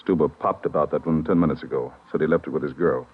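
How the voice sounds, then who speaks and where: An American man playing a brisk, gruff police chief, terse and businesslike, in a 1950s radio crime drama. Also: extremely low pitch. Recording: tinny, phone-like vintage radio recording.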